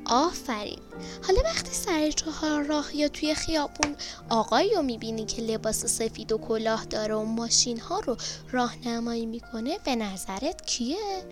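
A woman voicing a gentle, patient mother who calmly explains and praises her daughter. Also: fairly high pitch, natural voice. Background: background music.

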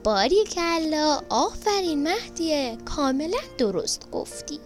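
A woman voicing a gentle, patient mother who calmly explains and praises her daughter. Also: on the high side, lightly acted. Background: background music.

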